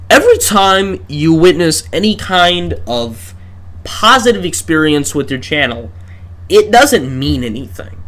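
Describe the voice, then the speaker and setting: Streaming a game while exhausted, this man rambles into his desk microphone in a slightly high, somewhat bright voice. His live rant is full of rhetorical questions and sentences he starts over.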